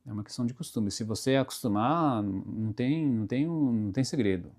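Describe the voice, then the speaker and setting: A Brazilian-accented man explains pronunciation in a relaxed, conversational lesson. His voice sits at an ordinary middle pitch. He repeats words slowly and keeps checking that his students follow along. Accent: Brazilian Portuguese. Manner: explains slowly with many tag questions and repeated examples. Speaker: Portuguese teacher. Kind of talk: casual spoken lesson.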